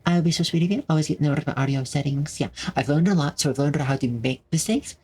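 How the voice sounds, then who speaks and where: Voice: mid-range voice, fast talker, a little mellow, a little hiss or hum. A streamer in casual live-stream chat, talking to viewers in a rambling, friendly way with lots of fillers and restarts, at a desk mic in a home setup. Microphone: desk microphone with noise filters.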